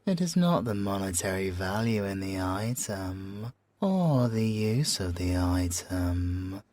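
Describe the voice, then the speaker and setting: Here a British man speaks low with lively intonation and a slightly mellow quality. Playing a suave, possessive, flirtatious former special forces soldier and bomb expert in ASMR roleplay, he teases and performs theatrically, lengthening words and slipping into whispers. He comes across as playful and intrigued.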